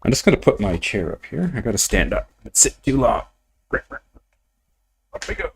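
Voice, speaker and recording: Gravelly and a touch breathy, this fairly low male voice has a sing-song lilt and moves at a moderate pace. He's live-streaming a game from his computer, rambling along with self-mocking jokes and muttered side comments.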